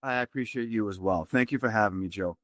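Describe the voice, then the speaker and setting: A man with a Boston accent, a tai chi teacher speaking earnestly as a podcast guest and spelling out details slowly. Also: lowish voice, a bit bright.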